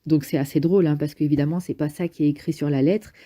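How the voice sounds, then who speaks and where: A woman's voice: deep voice, steady tone, quick pace, warm tone. A woman casually summarizing a play aloud, hesitant and thinking as she goes, with frequent fillers. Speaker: literature summarizer.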